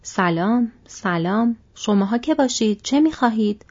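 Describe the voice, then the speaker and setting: A woman voicing a stout, red-faced male hobbit farmer who is gruff but hospitable and talks loudly and heartily. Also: on the high side, expressive, muffled recording. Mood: gruff hearty. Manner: loud, hearty, talkative.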